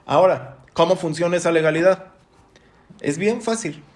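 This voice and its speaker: Animated preacher man. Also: a little high, moderate pace. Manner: animated, big swings between loud and hushed, sound-effect interjections. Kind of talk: sermon teaching.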